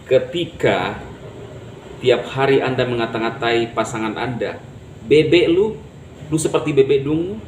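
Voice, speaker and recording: A man hosting his own channel, giving a casual motivational talk to viewers in a chatty way, laughing at his own remarks. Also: mid-range voice. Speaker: channel host. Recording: echoey room with faint background noise.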